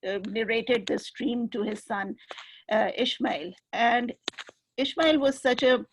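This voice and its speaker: Lady prof, kinda gravelly and a bit high, walks through it slow and patient, noisy call audio. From Pakistan. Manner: patient, explains terms step by step. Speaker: professor giving a presentation. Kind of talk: explanatory lecture.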